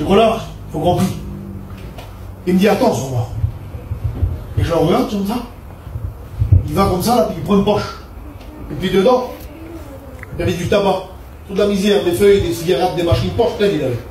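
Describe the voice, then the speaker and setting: A man from Perpignan tells his church testimony with fervent, repetitive storytelling. His voice sits high and carries. It reaches the mic from afar in an echoey hall with faint room ambience. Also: expressive, normal speed, pauses often, mellow, a little hiss or hum. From Perpignan, southern France. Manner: fervent, storytelling with repeated "je dis". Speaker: preacher giving testimony. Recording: echoey room picked up from a distance.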